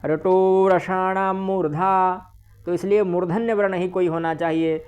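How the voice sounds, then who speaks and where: A man's voice: high voice, fairly even intonation, clean tone, narrow, tinny audio, soft background music. Man teaching a patient step-by-step lesson. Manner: explains step by step, asks and answers own questions; says examples slowly and repeats them. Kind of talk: online grammar lesson.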